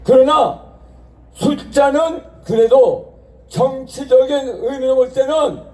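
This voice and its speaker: A man giving a rousing, declamatory political rally speech in a propaganda broadcast manner, shouting slogans and putting rhetorical questions to the crowd. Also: very high voice, slow pace. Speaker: rally speaker, association chairman. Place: outdoor street rally over loudspeakers. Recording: echoing outdoor PA, distant, faint music.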